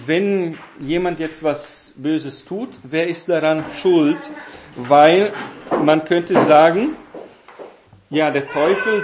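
A man giving a Bible teaching talk in a halting way, with many fillers and tag questions. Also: fairly high pitch, echoey room, slight background noise. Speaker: preacher.

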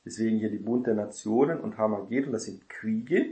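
A man teaching a Bible study in a casual lecture style, often adding a quick tag question to check that listeners follow. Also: fairly low pitch, warm tone, reverberant.

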